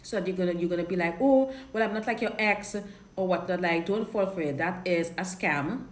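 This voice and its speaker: This dating coach from Trinidad speaks fairly quickly in a lowish voice with her native accent. Frank and talkative, she repeats and restarts words while answering viewers on a live stream recorded with roomy, faintly noisy audio.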